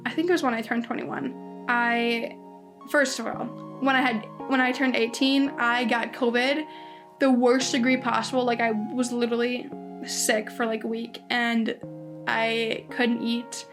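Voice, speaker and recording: With music in the background, a twenty-something podcast host talks on her own from indoors at home in an unhurried, level, slightly high voice. Her casual monologue wanders and rambles, sprinkled with plenty of "like"s and frequent restarts.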